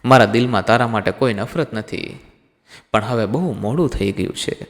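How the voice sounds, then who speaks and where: A man voicing a calm, dying young husband who speaks slowly and softly with sorrow. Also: lowish voice, lightly acted. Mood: tender. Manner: slow, soft, sorrowful. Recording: long hall reverb.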